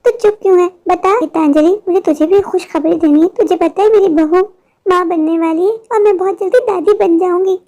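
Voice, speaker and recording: A woman's voice: very high-pitched, fairly quick, dark tone. A woman voicing a meddling gossipy neighbor woman. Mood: prying. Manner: prying, insinuating. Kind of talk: animated cartoon story voicing.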